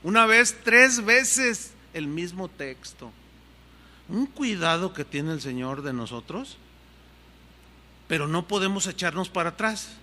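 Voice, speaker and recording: Older pastor preaching, bright and high. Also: male voice, animated, slow pace. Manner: conversational and earnest, shifting pace freely. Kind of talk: sermon. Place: church hall. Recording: reverberant hall sound.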